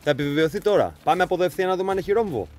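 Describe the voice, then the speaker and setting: A man's voice: high voice, animated. A young man casually narrating a hike on a forest trail to his viewers, joking and explaining the route as he walks, recorded on a camera mic outdoors. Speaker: vlogger leading a hike. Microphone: handheld camera mic.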